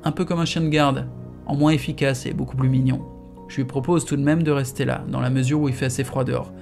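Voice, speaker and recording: A man's voice: medium pitch, steady tone, fast talker, vocal fry, darkish tone, soft background music. A man reading a novel aloud in the first person, in a casual, slangy storytelling manner. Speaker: audiobook reader.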